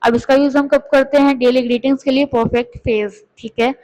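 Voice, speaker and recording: A woman teaching English to beginners, explaining in Hindi and reading English lines slowly and carefully. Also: high-pitched, fairly even intonation, darkish tone, rough recording. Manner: repeats words and asks questions to the viewer. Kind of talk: lesson.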